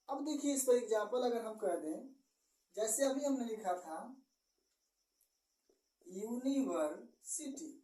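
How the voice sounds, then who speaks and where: A woman teaching an exam-prep grammar lesson, slowly explaining, posing questions and answering them herself. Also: mid-range voice, a little mellow, recorded from a distance. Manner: slow, explanatory, asks and answers own questions. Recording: echoey room, voice away from the mic.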